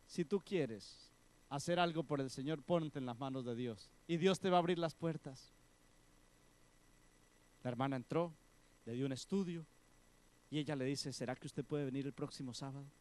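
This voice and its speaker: Pastor, male, storytelling sermon voice, smooth and a touch high, swings between loud and hushed. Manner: animated storyteller, voicing the women in the story with soft, hushed tones.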